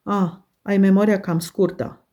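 A woman's voice: medium pitch, flat delivery, warm tone, lo-fi sound, close to an everyday voice. A woman reading aloud voices Heathcliff, a cold, sardonic middle-aged man who speaks with contempt. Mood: sly, probing.

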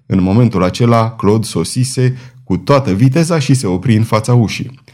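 Man narrating with a mellow voice. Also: lowish voice. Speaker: audiobook narrator. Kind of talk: scripted narration.

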